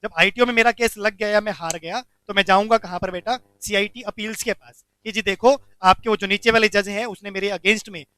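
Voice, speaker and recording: A man teaching a commerce lecture, animated, asking the class questions and answering them himself. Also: high voice, brisk, hardly any pauses, clean tone, dry recording.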